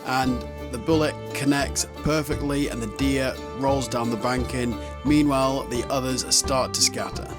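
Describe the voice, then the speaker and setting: Guitar music plays clearly behind a man's voice-over. He tells the story in the first person as a vlog narrator, at a medium pitch. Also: steady tone, normal speed, hardly any pauses.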